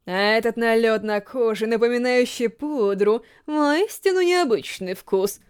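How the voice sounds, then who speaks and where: A woman voicing a refined, sinister male ghoul gourmet in a storybook reading, slow and theatrical. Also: a little high, clean tone, natural voice. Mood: savoring. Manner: slow, savoring, theatrical delivery.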